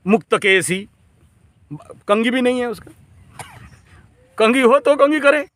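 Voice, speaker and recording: A man's voice: sits high, a bit bright, no echo. A man, a spiritual teacher, telling devotional stories in a casual, colloquial way and chuckling between lines.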